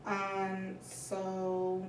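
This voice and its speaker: A woman's voice: medium pitch, monotone, extremely slow, noisy background. A young adult woman co-hosting a podcast, chatting in a loose, rambling, playful way. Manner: laid-back, rambling, playful. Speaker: podcast co-host. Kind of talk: casual chat. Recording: echoey room, voice a bit far off.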